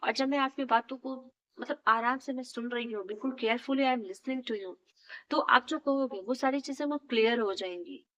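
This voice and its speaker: A woman's voice: on the high side, normal speed, fairly bright tone, dull audio. A woman teaching English in a casual spoken lesson, switching between Hindi and English and often checking in with a questioning "hmm?".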